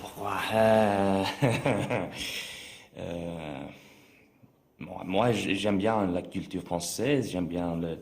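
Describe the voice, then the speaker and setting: A man's voice: low voice, drawn-out words, a little mellow. A man who teaches French, answering an interview question hesitantly and searching for words. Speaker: language teacher.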